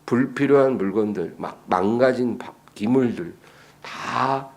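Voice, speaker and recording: Korean pastor preaching a sermon. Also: male voice, medium pitch, a little slow, vocal fry. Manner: asks the congregation questions, then answers them; shifts between soft, hushed passages and loud, raised lines.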